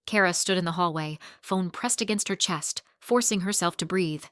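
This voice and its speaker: A woman narrating a scripted story in a measured, even storytelling manner. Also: on the low side, no echo, studio quality.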